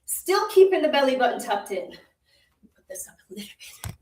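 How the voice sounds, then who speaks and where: Her voice sits high and swings widely in pitch, moving fairly quickly with a slightly mellow tone. She's a Jamaican fitness instructor coaching a live virtual workout, repeating brief upbeat cues and laughing easily, captured far from the mic in a roomy room.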